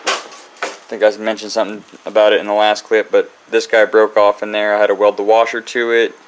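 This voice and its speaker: Rambling low-voiced man in a vlog. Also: completely flat delivery, brisk, clear, resonant tone, poor audio. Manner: rambling, chatty, with fillers. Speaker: channel host. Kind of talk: casual garage vlog walkthrough.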